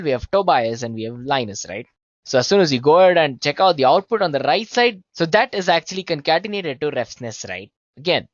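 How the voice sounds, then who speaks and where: In a dry, lo-fi recording, a medium-pitched instructor explains code one step at a time. The style is a relaxed, conversational tutorial, with learners addressed casually and tag questions used to check their understanding.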